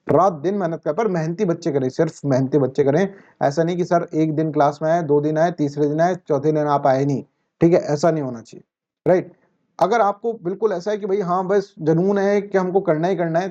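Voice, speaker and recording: Man, exam coach, mellow and talky, lo-fi recording. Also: a little high. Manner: chatty, asks and answers his own questions. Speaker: current affairs teacher. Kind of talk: exam-prep lecture. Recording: dull lo-fi sound.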